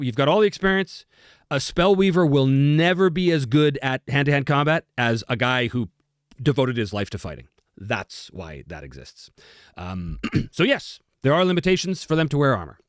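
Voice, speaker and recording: Stream host guy, kinda high voice, bouncy pitch, chatty and laughy, super dry mic. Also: no echo. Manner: chatty, self-interrupting, laughs often. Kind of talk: casual live-stream chat reading comments.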